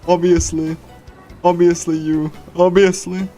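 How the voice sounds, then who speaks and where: A higher-voiced man chats during a casual livestream, loosely reading through a visual novel while the game's soundtrack music plays behind him. His tone is level and warm, and he comes across as a halting, giggly, chatty fan.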